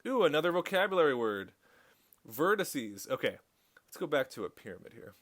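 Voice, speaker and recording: A man teaching a recorded high school math tutorial, chatty and upbeat with corny jokes. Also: sing-song, fairly quick, a bit bright.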